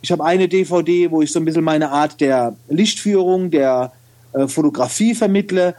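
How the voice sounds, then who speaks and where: The guest, a photo retoucher and video trainer, talks in a fairly high, warm voice at a normal pace. His regional German dialect comes through in relaxed interview chat, which is full of fillers and false starts.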